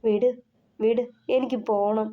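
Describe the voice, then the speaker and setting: A woman reading the part of a frightened young female student, speaking in halting, stammering pleas. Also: a little high, steady tone, phone-quality sound, lightly acted. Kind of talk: audio novel character reading.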